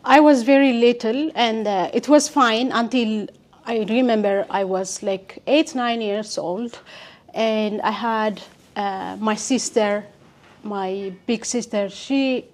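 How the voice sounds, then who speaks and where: A young woman from Ethiopia, telling her life story as an interview guest in a halting way with many pauses and fillers. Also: a little high, a little mellow.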